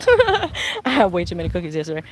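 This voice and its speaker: A woman's voice: on the low side, huge pitch swings, quick pace, noisy background. A woman chatting casually on a live stream while walking her dog outdoors, rambling and answering viewer comments. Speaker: vlogger and mother.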